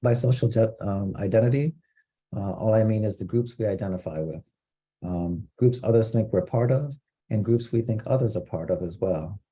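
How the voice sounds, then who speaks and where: Man, from Costa Rica, training lecture, measured, explanatory, husky, dark tone. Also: on the low side. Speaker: diversity trainer.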